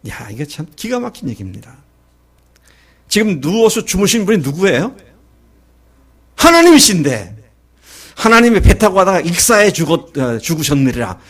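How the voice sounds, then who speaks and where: A man's voice: high voice, moderate pace, pauses often, breathy edge. A middle-aged male pastor preaching a sermon, who asks his listeners questions and acts out the quoted lines of the story. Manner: lively preaching, acting out Jesus and the disciples in quoted lines; asks the congregation questions and answers them.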